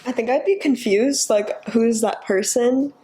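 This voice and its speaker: A woman's voice: a little high, a little slow, mellow, poor audio. Teasing, giggly young woman co-host. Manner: teasing, giggly, asks playful what-if questions. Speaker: podcast co-host. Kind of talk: casual chat.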